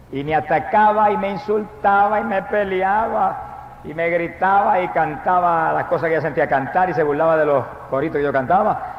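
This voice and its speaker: Man, preacher, impassioned testimony sermon, high voice, dull live recording, faint noise behind. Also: roomy sound, in a large hall. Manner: builds from storytelling to fervent shouted praise. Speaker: preacher giving his testimony. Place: church service hall.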